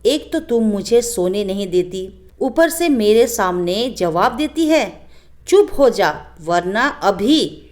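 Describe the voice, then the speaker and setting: A woman voicing an angry male lion, the king of the jungle, giving gruff, threatening commands in a storybook telling. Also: mid-range voice, big pitch swings, slow pace, darkish tone.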